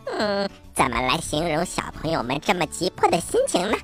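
Woman doing a playful little frog voice, lively. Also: on the low side, fairly quick, soft background music. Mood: playful, bumbling. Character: chatty little green frog, childlike children's story sidekick. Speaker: co-host. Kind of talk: children's story show dialogue.

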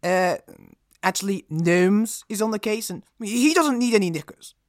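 A woman's voice: medium pitch, animated, moderate pace, no echo, studio quality, lightly acted. A woman playing a vain, lazy, pompous male detective in a comic audio drama, petulant and theatrical in manner. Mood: grudging, pompous.

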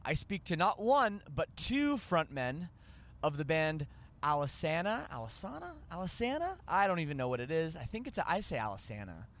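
Rambling Canadian podcast host, higher voice. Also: male voice, big pitch swings, moderate pace, a bit bright. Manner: rambling, joking, self-correcting. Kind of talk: casual podcast chat.

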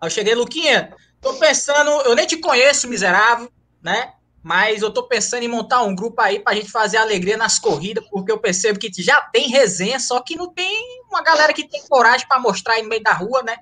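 Raised in Ceará though born in Rio de Janeiro, this man speaks with a Ceará accent in an extremely high, animated, bright and forceful voice, a little fast. On a casual interview call he recounts, in slangy style, how he founded his running humor group, joking along the way and constantly adding tag questions.

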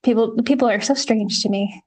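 A woman co-hosting a casual history podcast, talking in a relaxed way with lots of ums and the odd wry swear word. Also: a little high, brisk. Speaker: podcast co-host.

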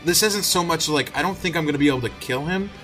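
A man's voice: on the high side, fast talker, pushed and bright, soft background music. A man playing a tabletop role-playing game, chatting casually and informally as he says what his character does. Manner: informal, sweary.

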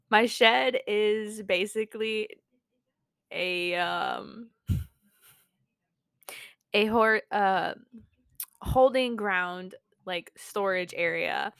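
A woman's voice: medium pitch, a bit bright, smooth, no room sound, clean studio sound. A young woman who runs a small craft business, talking in a casual, rambling vlog that keeps interrupting itself. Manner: rambling, self-interrupting and frank.

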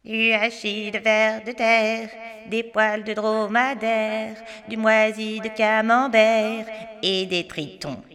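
A woman voicing a boastful, spiteful female witch with a shrill, theatrical voice, read as a storybook. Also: expressive, a little slow, bright, forceful tone, big-room sound, exaggerated voice. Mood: chanting.

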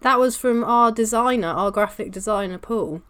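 A woman's voice: fairly high pitch, moderate pace, fairly bright tone, smooth. Enthusiastic woman co-host. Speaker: podcast co-host. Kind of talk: casual podcast chat.

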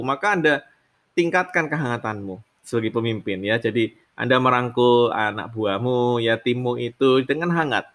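Pria dengan suara cerah sedang mengajar. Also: male voice, mid-range voice, fairly bright tone. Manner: frequent "gitu ya" tags, mixes English terms, rhetorical questions. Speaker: leadership lecturer. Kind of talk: lecture on leadership.

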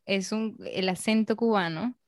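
A woman's voice: mid-range voice, measured pace, dry recording, clean studio sound. A woman from Peru hosting a casual interview, thoughtful and agreeable. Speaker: interviewer, host.

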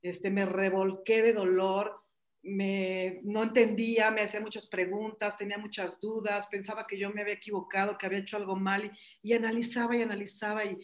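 A woman with a Mexican Spanish accent, a mother telling her personal story in an animated, emotional way. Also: medium pitch, brisk. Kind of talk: personal testimony in conversation.

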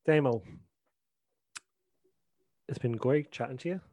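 A man's voice: medium pitch, takes it slowly, a little mellow, no room sound. A man co-hosting a podcast in casual, rambling chat full of fillers and jokes. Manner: rambling, filler-heavy, jokey. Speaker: podcast co-host.

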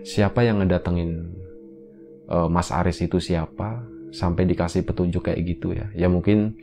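A man's voice: low-pitched, fairly even intonation, moderate pace, creaky, over music. Casual man telling a ghost story. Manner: casual, conversational slang with many fillers. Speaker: horror podcast host.

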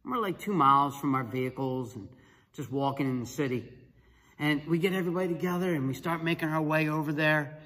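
A man's voice: on the high side, brisk. A middle-aged man, an evangelist, animatedly telling a personal testimony and acting out the dialogue. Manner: animated storyteller who acts out dialogue. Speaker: evangelist and speaker. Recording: long reverb.

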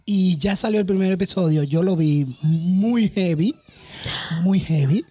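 A woman's voice: on the low side, measured pace, mellow, breathy edge, no echo. A woman co-hosting a casual podcast chat, emphatic and often repeating her phrases while she thinks. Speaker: podcast co-host.

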